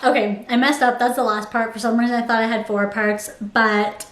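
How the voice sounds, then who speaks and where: A woman's voice: on the high side, flat delivery, normal speed, a bit bright, a little hiss or hum. A woman giving casual, critical commentary, informally arguing her case point by point as a video host. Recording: roomy, echoey sound.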